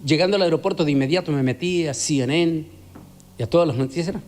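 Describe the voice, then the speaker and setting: A man's voice: on the high side, quick pace, darkish tone, a little hiss or hum. A man preaching as an evangelist, emphatic and repeating words for stress. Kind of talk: preaching sermon.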